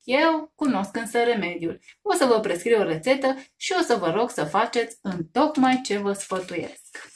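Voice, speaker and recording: A woman voicing a calm, thoughtful male children's doctor in a storybook reading, measured and reassuring. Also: fairly high pitch, lightly acted.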